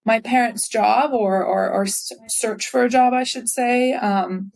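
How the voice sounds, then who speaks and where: A woman's voice: fairly high pitch, measured pace, gravelly, a little mellow. A woman from Belgium and the U.S. talking as a podcast guest, reflective, with light laughs. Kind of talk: casual podcast interview.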